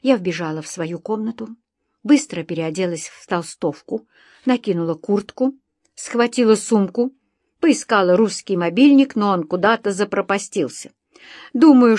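A woman's voice: mid-range voice, lively intonation, normal speed, darkish tone, no room sound, studio quality. Woman narrating an audiobook in first person.

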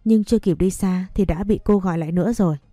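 A woman narrating a first-person story in a soft, earnest manner. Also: on the low side, quick pace, no echo, faint music behind.

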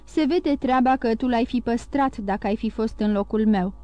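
Storybook role: a solemn, measured abbé, read by a woman, mellow tone, dry recording. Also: a little high, dry recording, dull audio, natural voice. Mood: grave. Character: calm, grave male priest, an abbé.

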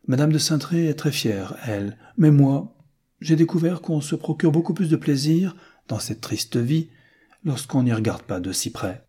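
A man's voice: fairly high pitch, lively intonation, normal speed, mellow, slightly rough, voice pushed up. A man reading aloud voices a chatty, worldly young French noblewoman who speaks frankly and offhandedly.

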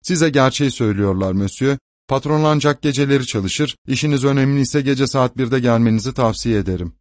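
A man voicing a brisk, dismissive male head clerk in an audiobook. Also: medium pitch, no echo, studio quality, natural voice.

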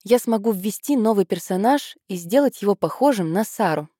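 A woman's voice: mid-range voice, lively intonation, warm tone, no echo, studio quality, close to an everyday voice. A woman voicing a bossy, decisive teenage girl who writes plays, in an audiobook. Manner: brisk, decisive. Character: teenage girl Harriet, bossy aspiring playwright.

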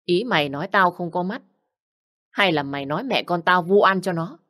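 A woman's voice: fairly low pitch, animated, moderate pace, fairly bright tone. A woman voicing a stern old mistress of a household who scolds and gives orders. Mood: commanding. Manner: commanding, scolding.

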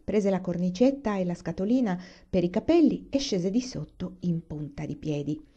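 Mellow-voiced woman reading a children's story. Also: lowish voice, highs cut off. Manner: calm, unhurried storytelling. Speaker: reader. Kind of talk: reading a children's novel aloud.

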